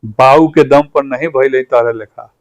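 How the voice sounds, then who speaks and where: A man's voice: medium pitch, measured pace, dry recording, poor audio. A man with a Bhojpuri accent, a party leader speaking in a political interview, fiery and rhetorical, repeating phrases for emphasis.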